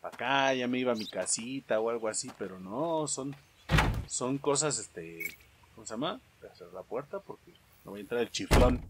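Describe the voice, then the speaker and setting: A man's voice: mid-range voice, lively intonation, moderate pace, very noisy. A young man with a Mexican Spanish accent, commenting on a game in a joking, slangy way while he talks to his viewers. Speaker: gaming streamer. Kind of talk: gameplay commentary.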